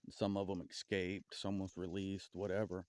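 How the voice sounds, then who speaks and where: Low-voiced rambling Southern man outdoors. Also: completely flat delivery, a little mellow, no room sound. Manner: rambling, halting, with stutters and restarts. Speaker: vlogger. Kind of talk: casual outdoor vlog musing. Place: outdoors in a forest.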